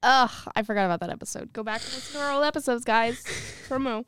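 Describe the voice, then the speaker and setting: A woman's voice: fairly high pitch, fast talker, fairly bright tone, clear, resonant tone, dry recording, studio quality. A young woman co-hosting a podcast, reading a ghost story in casual chat with jokey, slangy asides. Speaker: podcast co-host.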